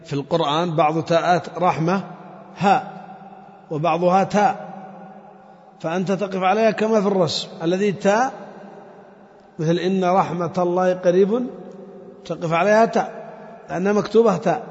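A man teaching a classroom lesson on Quran recitation, drilling examples slowly, chanting phrases and quizzing his students. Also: high voice, fairly even intonation. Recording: long reverb, dull lo-fi sound.

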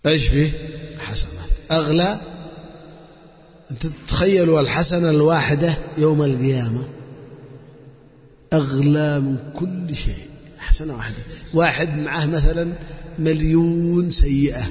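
Man preaching, high voice, impassioned, sudden pitch swings, echoey hall, dull lo-fi sound. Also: moderate pace, pauses often. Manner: impassioned, rises and drops sharply in pitch. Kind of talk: sermon.

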